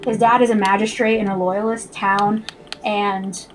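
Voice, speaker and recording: Young woman, Ohio accent, casual streamer chatter, tangent-happy, mid pitch, faint hiss. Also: level tone, measured pace, low-quality recording. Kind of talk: casual chat while gaming.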